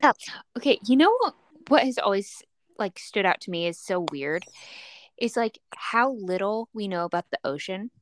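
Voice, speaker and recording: A woman's voice: medium pitch, lively intonation, dry recording. A young woman co-hosting a casual podcast, chatty and giggly. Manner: giggly, chatty, quick to exclaim. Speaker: podcast co-host, the skeptic.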